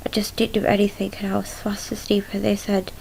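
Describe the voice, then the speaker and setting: Young female diarist, lowish creaky voice, subdued and halting, casual recounting over noticeable noise. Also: little pitch movement, a little mellow, poor audio. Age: young adult. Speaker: patient recording a video diary. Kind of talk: casual video diary recounting events. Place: small room at home, indoors.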